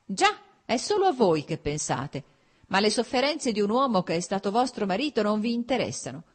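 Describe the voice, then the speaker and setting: A woman voicing a cold, stern middle-aged husband whose voice turns shrill with anger, harsh and formal. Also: very animated, normal speed, husky.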